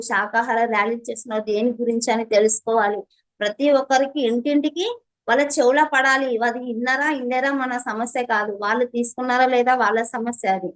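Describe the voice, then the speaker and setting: Here a woman speaks on the high side, her Telangana Telugu accent clear despite the poor recording quality. Earnest and a bit preachy, she describes her experience of meditation to an interviewer as personal testimony.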